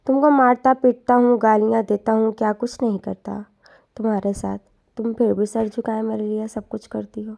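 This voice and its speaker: Woman reading a sorry young husband, quiet and pleading, gravelly mellow voice. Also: on the high side, level tone. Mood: remorseful. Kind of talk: storytelling narration.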